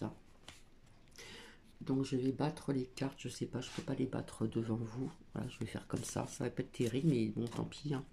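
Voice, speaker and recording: A woman's voice: extremely low pitch, gravelly, mellow, a little hiss or hum. A woman doing a casual spiritual card reading at a small table at home, hesitant with many fillers as she reads card texts aloud. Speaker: oracle card reader.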